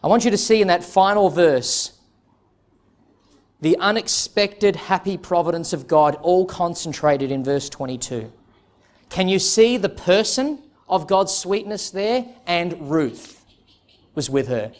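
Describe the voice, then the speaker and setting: A man's voice: sits high, expressive, unhurried. A man preaching an expository sermon as a pastor, earnest and emphatic, putting direct questions to his listeners.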